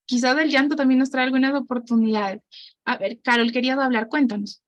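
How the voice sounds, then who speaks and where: Woman, high voice, group facilitator, encouraging, dry close sound. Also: steady tone, fairly quick, no echo, dull audio. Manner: encouraging, invites others to speak. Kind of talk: online group discussion.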